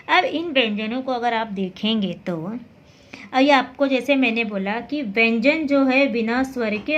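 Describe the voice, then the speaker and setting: A woman teacher giving a Hindi alphabet lesson, reciting the consonants slowly and explaining patiently. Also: on the high side, a bit bright. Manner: slow, drawn-out recitation of letters; patient explaining with repeated checks. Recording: dull lo-fi recording with faint noise.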